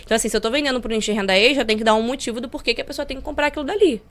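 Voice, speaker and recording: A woman's voice: on the high side, racing. A young woman talks at a breakneck pace, pushing her points with energy and conviction. She speaks as a podcast guest explaining how she sells. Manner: energetic and persuasive. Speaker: podcast guest, digital marketing affiliate. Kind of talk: podcast interview.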